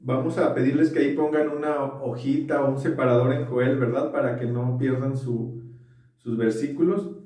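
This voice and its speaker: A man's voice: medium pitch, fairly even intonation, normal speed, mellow. A man preaching a sermon as pastor, earnestly checking his listeners follow along. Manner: earnest, often asks for agreement. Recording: echoey room, mic far off.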